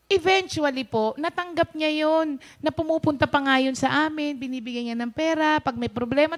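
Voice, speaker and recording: High-voiced woman sharing a testimony. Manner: storytelling, mixes English into Tagalog, acts out quoted speech. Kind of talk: personal testimony told to viewers.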